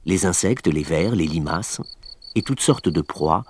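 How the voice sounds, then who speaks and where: A man delivers scripted nature documentary narration in a measured, explanatory storytelling manner. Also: low-pitched, expressive, a little mellow, a little hiss or hum.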